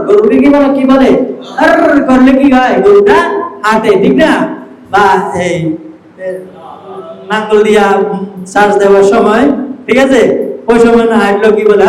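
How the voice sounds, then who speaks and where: Male recitation teacher with a high voice, poses questions and answers them, echoey room with faint hiss. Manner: asks questions and answers them himself, drawls letter names. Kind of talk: classroom teacher training.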